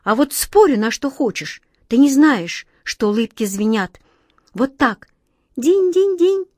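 Cast a woman as a teasing boyish wind sprite for a storybook, very high, singsong and chiming, dry close sound. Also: lively intonation, a little slow, no room sound. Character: playful childlike wind spirit, boyish, teasing.

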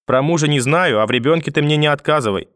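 A man's voice: on the high side, quick pace, fairly bright tone, clear, resonant tone, no room sound, studio quality, pitched above the performer's own voice, lightly acted. A man voicing a wounded young mother who pleads and reproaches. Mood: hurt.

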